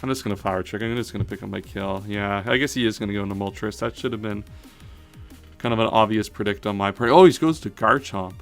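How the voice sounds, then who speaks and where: A man's voice: fairly low pitch, fast, gravelly, soft background music. A man giving thinking-aloud commentary on a competitive battle, analytical and often correcting himself mid-sentence. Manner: analytical, self-correcting, frequent "um" and "uh".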